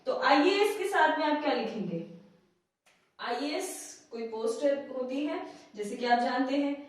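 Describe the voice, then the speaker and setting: High-voiced woman teaching in an echoey room. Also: animated, a little slow, far from the mic. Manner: repeats questions to viewers, frequent checking "theek hai". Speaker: English teacher. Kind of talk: casual whiteboard grammar lesson.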